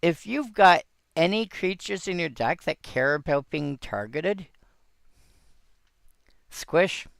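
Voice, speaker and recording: A man's voice: a little high, animated, measured pace, gravelly, a bit bright, no room sound, studio quality. A man hosting a casual solo commentary on old game cards, thinking aloud and rambling with frequent restarts.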